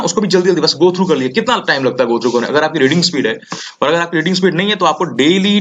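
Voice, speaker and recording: Fast-talking young male tutor. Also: on the high side, a little hiss or hum. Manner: energetic, repeats "ठीक है" often. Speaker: exam prep tutor. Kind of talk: casual tutorial talk. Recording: slightly dull lo-fi audio.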